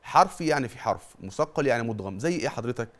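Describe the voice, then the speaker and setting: A middle-aged Egyptian man gives a televised Quran recitation lesson in a mid-pitched voice. He quizzes the listener with quick questions and answers them himself. He draws out the long vowels slowly to demonstrate each rule. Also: expressive, a bit bright. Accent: Egyptian Arabic. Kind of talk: TV tajweed lesson.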